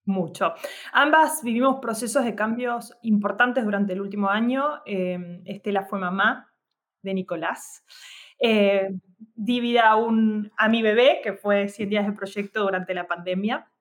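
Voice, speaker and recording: A woman's voice: mid-range voice, unhurried, fairly bright tone. A woman, co-hosting a podcast in a casual, reflective chat full of fillers and tag questions. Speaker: podcast co-host.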